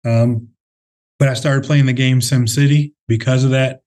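A real estate CEO from the Twin Cities in Minnesota answers interview questions as a guest, explaining his work. His warm, mellow voice holds a fairly level pitch and steady tone, and he speaks thoughtfully, often pausing with fillers and restarting phrases.

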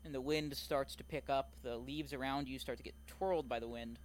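A man narrating a tabletop game as game master in a calm, descriptive way. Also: mid-range voice, brisk.

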